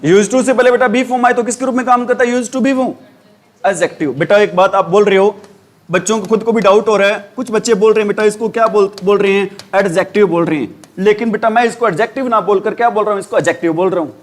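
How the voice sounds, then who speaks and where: A man's voice: high voice, fast. Hindi-accented male teacher drilling students. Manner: quizzing students with repeated questions, calls them beta. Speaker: English teacher. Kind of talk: classroom grammar lesson.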